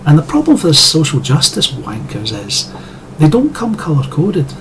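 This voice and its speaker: A man's voice: fairly high pitch, huge pitch swings, normal speed, background noise. A Scottish man delivering a sardonic, profane monologue as a commentator. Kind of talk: scripted monologue.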